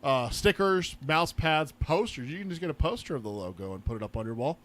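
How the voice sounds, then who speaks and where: A man's voice: fairly high pitch, animated, fairly quick, a bit bright. A man co-hosting a podcast, speaking in a casual, informal, teasing way. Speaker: podcast co-host.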